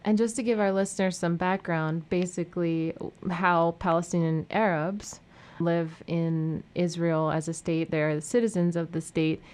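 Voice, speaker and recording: A woman's voice: fairly low pitch, steady tone, moderate pace, few pauses, a little mellow. A woman hosting a radio interview, friendly, asking questions and giving background for listeners. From United States. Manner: friendly, asks questions and sums up. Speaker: radio show host.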